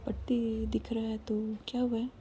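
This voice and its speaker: A woman voicing a weak, shaken young woman in a hospital bed who speaks faintly and haltingly. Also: fairly high pitch, little pitch movement, warm tone, slight background noise, lightly acted. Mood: timid.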